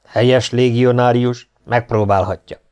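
A man reading an audiobook, voicing a stern Foreign Legion major who bursts into shouted fury. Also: mid-range voice, fairly even intonation, clean tone, natural voice. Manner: curt, bursts into shouted raging. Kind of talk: audiobook character voice.

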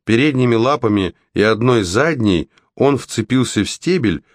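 A man narrating a children's fantasy audiobook in a lively storytelling manner. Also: mid-range voice, normal speed, dry recording, clean studio sound.

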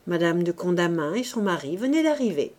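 A woman reading a classic novel aloud as an audiobook narrator, in clear, measured storytelling. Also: fairly low pitch, sing-song, darkish tone. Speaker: audiobook reader.

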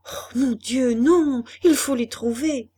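A woman's voice: high voice, animated, a little slow, breathy edge, full character voice. A woman voicing a timid, anxious young girl in a storybook reading, with a trembling, urgent tone.

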